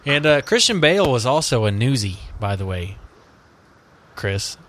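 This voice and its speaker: A man's voice: medium pitch, very animated, moderate pace, fairly bright tone, a little hiss or hum. A man hosting a casual podcast chat, rambling and joking, often laughing mid-sentence. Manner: rambling, jokey, laughs a lot. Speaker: host.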